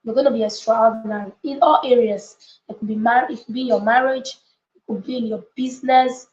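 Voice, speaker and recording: A woman coach and book club leader hosts a live motivational lesson, chatting informally with viewers, emphatically repeating key phrases and checking in with listeners. Her slightly high voice is steady and darkish in tone, moving fairly quickly. The audio is lo-fi and a bit dull, recorded in an echoey room.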